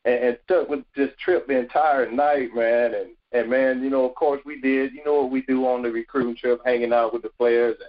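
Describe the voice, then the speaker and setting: A man, telling animated stories as a podcast guest, often repeating words and saying "you know". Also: mid-range voice, normal speed, few pauses, muffled recording. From South Carolina, USA. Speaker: guest, former football player. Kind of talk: storytelling in a podcast interview.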